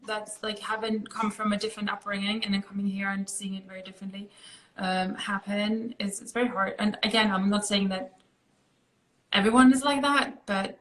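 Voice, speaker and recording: A woman's voice: mid-range voice, fairly even intonation, normal speed, a bit bright, poor audio. A woman from Austria speaks English with an Austrian German accent. She is hosting a casual interview. She talks in a loose, chatty way, piling up little fillers as she goes. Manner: chatty, heavy with fillers like "like" and "you know". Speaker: host.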